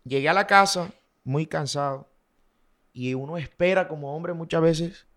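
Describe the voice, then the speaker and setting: A man, a singer telling stories in a casual interview, animated and fond of sound effects. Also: on the high side, a little slow.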